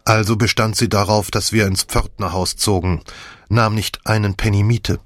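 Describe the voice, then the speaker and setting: A man's voice: lowish voice, fairly even intonation, moderate pace, no echo, studio quality, lightly acted. A man voicing a chatty, sentimental older woman in an audiobook, talking in a gushing way. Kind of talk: audiobook character voice.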